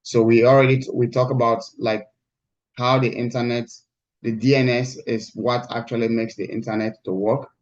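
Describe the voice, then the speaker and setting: A man's voice: mid-range voice, level tone. Man teaching in a lo-fi screen recording. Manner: halting, with frequent restarts. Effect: screen-recorded video call audio. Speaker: instructor. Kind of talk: live online class walkthrough. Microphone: computer mic on a video call. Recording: dull lo-fi call recording.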